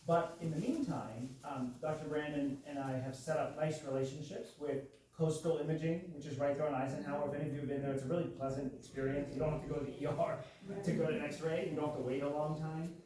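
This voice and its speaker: A man's voice: fairly high pitch, steady tone, fast, dark tone. A man moderating a clinic presentation, explaining services in a friendly, promotional way. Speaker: practice representative and moderator. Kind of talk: informational presentation. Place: large echoey room. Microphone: distant from the mic. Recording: echoey room from far off, faint ambience.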